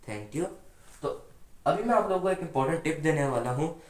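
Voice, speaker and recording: In a roomy-sounding classroom, a man with a somewhat high, expressive voice explains grammar at a normal speed. He stays patient throughout, regularly asking his students questions and then supplying the answers.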